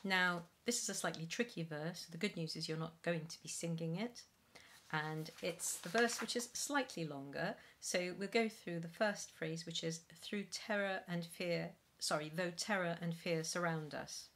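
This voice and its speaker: A woman's voice: lowish voice, a bit bright, a little hiss or hum. Careful woman teaching pronunciation. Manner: slow careful enunciation with spoken explanations. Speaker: singing teacher. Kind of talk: pronunciation lesson read from sheets. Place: small room at home, indoors.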